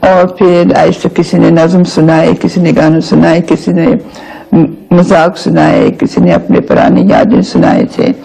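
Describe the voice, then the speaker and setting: A man with a high voice full of gravel and a husky, mellow tone recalls gatherings in an interview. He talks fondly and hesitates a little. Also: little pitch movement, a little slow, poor audio. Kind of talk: reminiscing interview.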